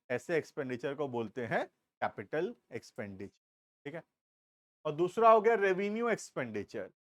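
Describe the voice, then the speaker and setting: A man with an Indian accent teaching a commerce class, explaining slowly and stopping to check that students follow. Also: fairly high pitch, no echo. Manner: explains slowly, asks checking questions, drawls key terms. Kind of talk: classroom lecture.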